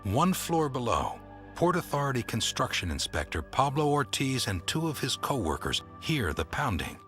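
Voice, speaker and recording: A man's voice: mid-range voice, very animated, a bit bright. Grave male documentary narrator over music. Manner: measured, grave storytelling.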